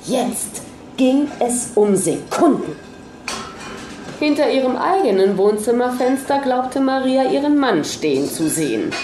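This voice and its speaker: A woman narrating a story aloud in a lively, dramatic reading manner. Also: on the high side, measured pace, echoey room, a little hiss or hum.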